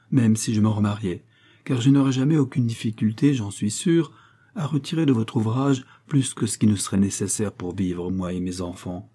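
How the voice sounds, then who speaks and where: Guy doing a snooty cheapskate aunt voice in an audiobook, bossy and preachy, jumps up high, low husky tone underneath. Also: dark tone, close to an everyday voice. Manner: haughty and scolding, with sudden rises in pitch. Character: vain, stingy, pompous middle-aged widowed aunt.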